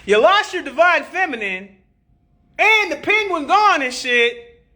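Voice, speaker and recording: A brash woman chatting live with her viewers as a spiritual teacher, swearing and clowning. Her voice is bright and sharp, with a tense edge. She tends to repeat a line several times before moving on. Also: sits high, measured pace. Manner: profane, joking and animated, repeats phrases, laughs often. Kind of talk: casual livestream talk answering comments.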